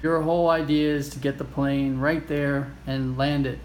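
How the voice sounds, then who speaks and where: A man hosts a retro game play-through, demonstrating hands-on and explaining informally with self-amused, nerdy enthusiasm. His medium-pitched voice shows little pitch movement at normal speed, in a clearly noisy amateur recording.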